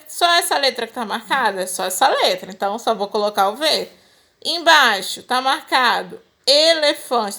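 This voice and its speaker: A Brazilian teacher with a high-pitched, slightly bright voice records a remote lesson for kids. Her accent is Brazilian Portuguese, and she walks the children through everything patiently, one step at a time.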